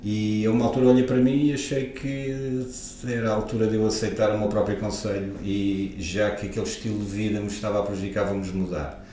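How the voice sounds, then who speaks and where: This guest osteopath, a man in his forties with a Lisbon-area European Portuguese accent, talks fairly quickly in a low, mellow voice with flat delivery, reflecting and hesitating a lot during a casual interview. The audio is off-mic in an echoey room, with faint ambience and slight background noise.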